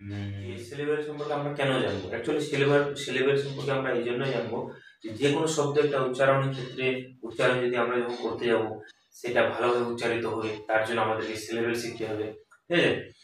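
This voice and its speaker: A man teaching an English grammar lesson, who often checks in with his students and slowly repeats key words. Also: mid-range voice, fairly bright tone. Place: room where the power went out. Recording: echoey room, voice from far off.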